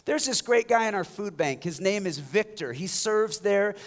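A man preaching a passionate sermon as a pastor, swinging from loud exhortation down to hushed, near-whispered lines. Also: sits high, animated, moderate pace.

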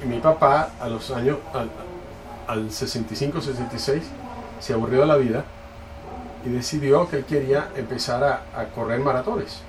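A male preacher telling a personal story during a sermon in a casual, halting way that often corrects itself. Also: mid-range voice, over music. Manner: conversational, halting, self-correcting. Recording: distant mic, noisy room.

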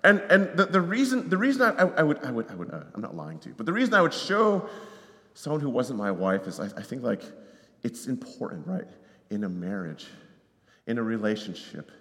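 A missionary preacher in his thirties from Connecticut, United States, gives an informal, conversational sermon as a guest speaker, addressing an audience in a large hall with long reverb. His American-accented, mid-range voice is brisk, sing-song, and a bit bright, and he often checks in with short tag questions.

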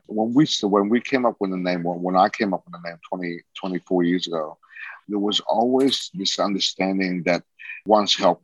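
A man's voice: low voice, breathy edge, dry recording. A man, talking casually as an interview guest in a rambling way with many restarts. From Australia. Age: 40s. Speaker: guest, social entrepreneur. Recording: dull lo-fi sound.

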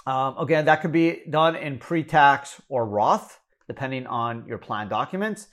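A man's voice: mid-range voice, fairly bright tone. Canadian guy explaining retirement limits, rattles off numbers, stops to fix his own slips. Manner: brisk, number-heavy, self-correcting. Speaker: financial educator. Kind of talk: explanatory talk.

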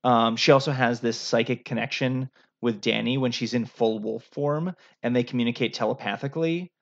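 A man with a gravelly, fry-laced voice co-hosts a podcast in a loose, rambling chat. He keeps circling back with fillers and restarts. The recording sounds muffled and lo-fi. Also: medium pitch, steady tone, moderate pace. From United States. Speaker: podcast co-host. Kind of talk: casual chat. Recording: dull lo-fi sound.

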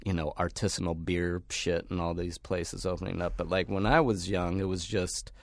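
A man with a fairly low voice tells stories from his past in a loose, rambling way. He leans hard on fillers and swears freely. The sound is close and dry, with no room around it. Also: flat delivery, moderate pace, vocal fry, dry recording. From Pennsylvania, United States. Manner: rambling, heavy use of fillers, blunt and profane. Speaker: podcast guest. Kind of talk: casual storytelling.

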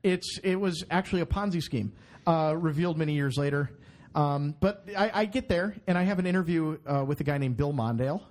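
A man from Minnesota telling a rambling personal story on a casual podcast, stammering through restarts and breaking into laughter. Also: brisk. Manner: animated, stammering restarts, bursts of high laughter. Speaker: podcast host.

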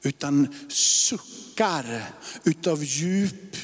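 A man in his forties, a pastor preaching a sermon, rising to loud emphasis and dropping to hushed whispers. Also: on the high side, animated. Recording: long hall reverb.

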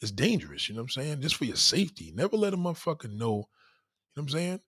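Husky-voiced New man ranting. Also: mid-range voice, fast talker, no room sound, studio quality. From New York. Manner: blunt, profane, animated street talk. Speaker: streamer reading viewer comments. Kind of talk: casual live-stream rant.

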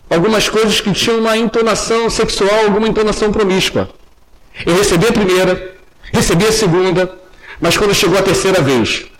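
A young man delivers a sermon in an earnest tone. His voice sits high for a man. He often sinks low and soft when he turns to address the congregation. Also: a little hiss or hum, low-quality recording. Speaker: preacher.

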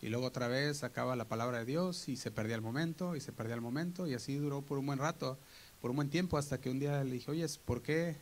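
A man's voice: mid-range voice, fast talker, slight background noise. A Mexican man preaching a sermon in an earnest, storytelling way, often acting out the people he quotes. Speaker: pastor.

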